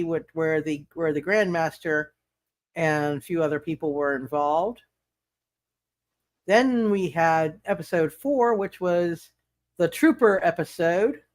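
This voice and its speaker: A man with a voice on the high side runs a roleplay livestream as game master, chatting casually and recapping, often repeating words and restarting sentences. There's no echo.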